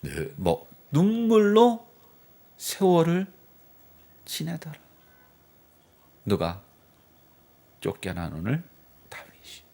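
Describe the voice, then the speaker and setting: A man's voice: fairly high pitch, wildly swooping pitch, takes it slowly, creaky, long pauses, mellow. A male pastor delivering a Sunday sermon in church, telling the story dramatically and asking the congregation rhetorical questions. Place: church sanctuary.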